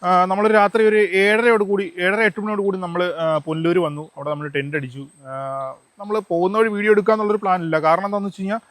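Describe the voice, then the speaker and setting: A man from Kerala with a hoarse voice, chatting casually with many fillers while filming a travel vlog on a handheld camera outdoors. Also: high-pitched, fast talker, fairly bright tone, no echo. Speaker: travel vlogger. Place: outdoors by a roadside petrol pump and stream.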